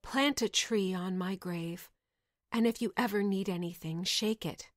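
A woman voicing a gentle dying mother in a fairy tale, speaking softly and tenderly. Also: mid-range voice, unhurried, dry recording, clean studio sound, natural voice. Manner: soft, tender.

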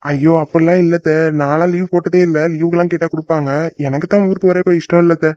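A dutiful young son living away from home, voiced by a woman, speaks earnestly in a low, mellow cartoon voice. He talks quickly, and the recording sounds dry and slightly muffled. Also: steady tone, dry recording, lightly acted. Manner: earnest, reluctant. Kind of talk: cartoon voice acting.

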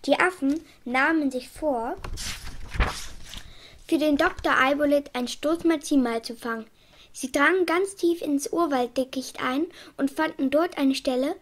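A woman narrating a children's storybook in a clear storytelling manner. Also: high-pitched. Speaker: audiobook reader.

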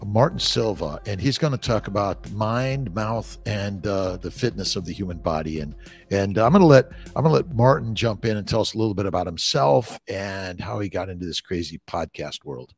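An older man hosting an interview podcast, who asks his questions haltingly with many "uh"s and restarts. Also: fairly low pitch, animated, vocal fry, breathy edge, soft background music. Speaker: podcast host, doctor. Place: studio, indoors. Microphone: large studio mic with headphones.

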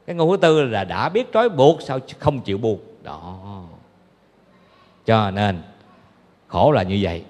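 A man's voice: lowish voice, animated, measured pace, pauses often, a little mellow. A man, a Buddhist monk, giving a chatty storytelling dharma talk, full of fillers and repeated words. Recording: long reverb of a lecture hall.

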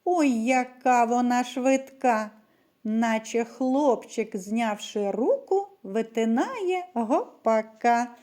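Woman, primary teacher, slow and patient, soft mellow voice, fairly high. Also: animated. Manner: slow, patient, addresses children directly. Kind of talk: children's lesson.

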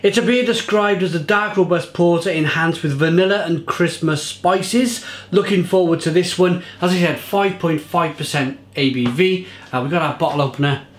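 A thirties man sits in his home kitchen reviewing a beer to a fixed camera on the table, chatty and enthusiastic, with restarts and fillers. His voice sits on the high side at a moderate pace with hardly any pauses, and the room is echoey.

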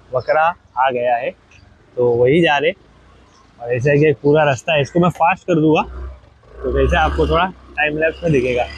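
A man with a husky, rather high voice chats informally to his viewers, showing goat farm work stage by stage and talking to them directly. The casual vlog is set outdoors on a goat farm and a street. Sound comes through a clip-on mic after setup, with traffic noise from the street.

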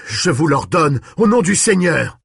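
Man playing a frantic shouting priest. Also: very animated, a little slow, creaky, slightly rough, dry recording, clean studio sound, full character voice. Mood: defiant. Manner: shouting, strained, high. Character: desperate male priest, defiant but frightened.

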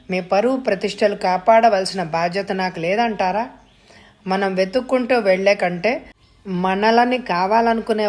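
A woman voicing a quiet, respectful young woman who speaks softly but steadily in an audiobook story. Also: medium pitch, lightly acted.

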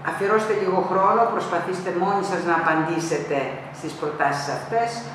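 Man, language teacher, patient step-by-step explaining, fairly high voice, heavy room echo, faint hiss. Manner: explains step by step, repeats Italian examples. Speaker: Italian teacher. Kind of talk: recorded grammar lesson. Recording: very echoey room, faint noise.

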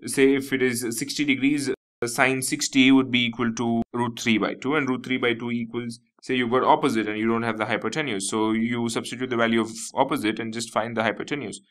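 Indian English male math tutor, bright tone, patient explaining with frequent "you know". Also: medium pitch, fairly even intonation, fairly quick. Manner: explanatory, repeats key terms, frequent "nothing but" and "you know". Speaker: math teacher. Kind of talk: whiteboard math lesson.

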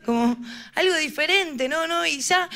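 High bright Argentine stand-up woman. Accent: Argentine Rioplatense. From Morón, western Greater Buenos Aires, Argentina. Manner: quick, chatty, laughing at her own jokes. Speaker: stand-up comedian. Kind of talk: live stand-up comedy.

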